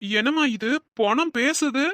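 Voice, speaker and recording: A wary, grumbling balding auto driver in a cartoon comedy, his voice pitched a bit high. He is suspicious and indignant, complaining about everything. The recording is dry and close. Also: a little slow, bright, forceful tone, dry recording. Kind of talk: animated comedy voice acting.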